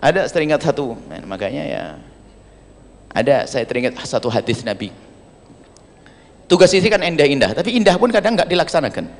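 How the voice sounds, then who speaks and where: A man's voice: a little high, brisk, long pauses. Joking male preacher in a reverberant hall. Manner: humorous, animated preaching with acted asides. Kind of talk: sermon.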